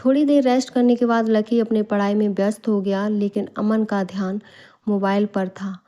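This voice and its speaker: Mellow woman reading a bedtime story. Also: mid-range voice, steady tone, moderate pace. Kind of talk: scripted narration.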